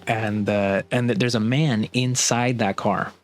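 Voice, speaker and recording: A man's voice: fairly low pitch, fairly even intonation, measured pace, soft background music. A young man casually recounting a work story, rambling with lots of "like" and restarts, sounding bewildered. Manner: rambling, heavy use of "like", restarts; exasperated, bewildered retelling.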